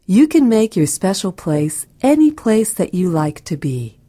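Soft, slow, breathy woman guiding relaxation. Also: medium pitch, big pitch swings, dry recording. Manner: soft, soothing, gentle delivery with breathy, near-whispered phrases. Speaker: guided meditation narrator for children. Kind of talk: scripted guided relaxation narration.

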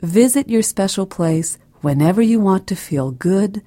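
Female narrator for children's guided relaxation: soft, breathy, mellow, soothing and gentle, recorded close and dry. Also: mid-range voice, animated, moderate pace, no echo. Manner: soft, soothing, gentle delivery with breathy, near-whispered phrases.

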